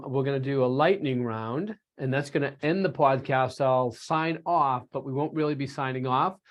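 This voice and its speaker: A man hosting a podcast interview, loose and chatty with plenty of fillers. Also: mid-range voice. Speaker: podcast host.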